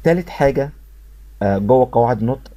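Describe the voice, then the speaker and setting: A man with a mellow, expressive, medium-pitched voice and an Egyptian Arabic accent gives an English lesson. He speaks directly to his students, repeating each word slowly to drill their pronunciation.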